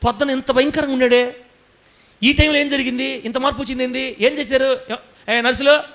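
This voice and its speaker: Man playing a puzzled doctor: high, rapid, incredulous questions. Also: fairly even intonation, fairly bright tone. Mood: astonished. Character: male hospital doctor, puzzled and astonished.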